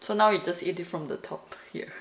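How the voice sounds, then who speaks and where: A woman's voice: fairly low pitch, a little fast, far from the mic. Playful woman vlogging in an echoey kitchen. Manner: chatty, playful, self-mocking. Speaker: cooking vlogger. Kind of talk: casual cooking vlog.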